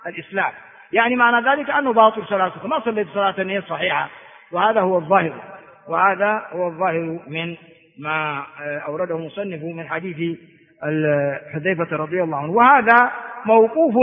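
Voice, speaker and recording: A man, a sheikh giving a classroom lecture on hadith, explaining slowly and repeating words for stress. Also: sits high. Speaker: sheikh teaching hadith commentary. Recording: phone-like audio with long hall reverb.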